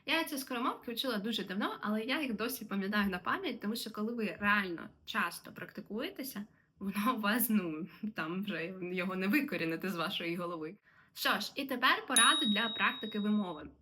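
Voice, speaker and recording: A young woman from Ukraine talks through a lesson in a relaxed, chatty way. She sprinkles her talk with fillers and small laughs. Her voice has a bright, forward ring. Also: medium pitch, fairly quick. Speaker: English teacher. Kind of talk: casual lesson to camera.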